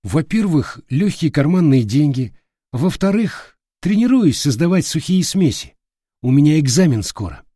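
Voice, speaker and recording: A man's voice: fairly high pitch, very animated, moderate pace, mellow, no echo, studio quality, pitched above the performer's own voice. Man reading as a jumpy young man. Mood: grumbling. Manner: nervous, defensive. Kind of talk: audiobook character voice.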